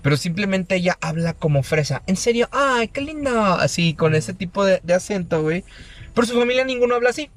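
A man's voice: high voice, quick pace. A young Mexican man hosting a casual podcast while driving, a joking storyteller who swears freely. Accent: Mexican Spanish. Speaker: podcast host. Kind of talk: casual chat. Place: driving a car. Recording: faint car noise.

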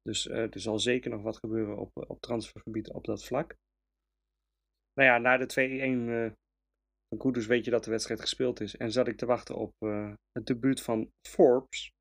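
A man's voice: mid-range voice, steady tone, normal speed, fairly bright tone, breathy edge. A man from the Netherlands giving an opinionated, emphatic match review as a fan podcast host, with frequent hesitations. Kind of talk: casual match review monologue.

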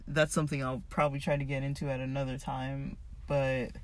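Someone with a medium-pitched voice that is giving out talks casually and without a script about a self-help book they've read. The tone stays level and the pace brisk, though the delivery is hesitant, like they're thinking aloud.

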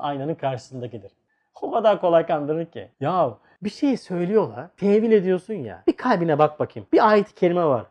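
A man giving a religious lesson to an audience, asking many rhetorical questions and repeating his words, with sudden jumps between loud and soft. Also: high-pitched. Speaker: religious teacher.

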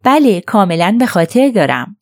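A woman voicing an earnest, lively young woman who speaks in an eager, somewhat hesitant way. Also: medium pitch, no room sound, clean studio sound.

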